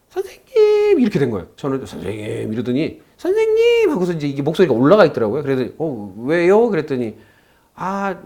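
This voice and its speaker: A man teaches a class on saju fortune-telling, telling a story by acting out both sides of a phone call and asking his students questions. His voice is mid-range and a little mellow.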